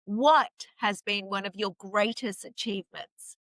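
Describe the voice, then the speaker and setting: A woman hosting a talk show over a video call, effusive and emotional, reading quotes with dramatic pauses. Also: medium pitch, a bit bright, dry recording, poor audio. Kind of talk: warm interview reading quotes.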